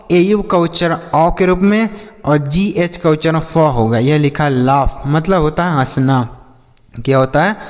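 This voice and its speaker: Hindi-accented male teacher spelling words slowly. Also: a little high, big-room sound. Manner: spells letters slowly, then asks and answers his own questions. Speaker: English reading teacher. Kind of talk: spelling-out lesson for children.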